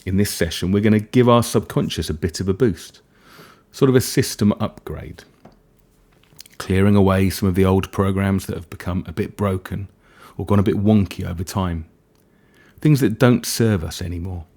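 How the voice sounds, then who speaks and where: In a low, soft voice, a man guides listeners through hypnosis. His delivery is breathy, soothing, and unhurried, with gentle pauses separating each phrase.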